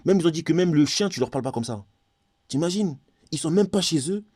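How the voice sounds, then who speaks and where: A man's voice: on the high side, expressive, a little fast, a little mellow, husky, dry recording, clean studio sound. A man from Congo, ranting to camera to his viewers in a heated, insistent way and repeating himself. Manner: heated, insistent, repeats phrases, often talks straight to viewers. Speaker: YouTuber.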